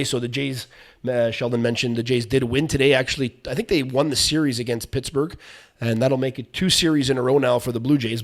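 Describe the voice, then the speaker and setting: A male podcast host in casual sports chat, with a voice of ordinary middle pitch. He rambles loosely and drifts from one topic to the next.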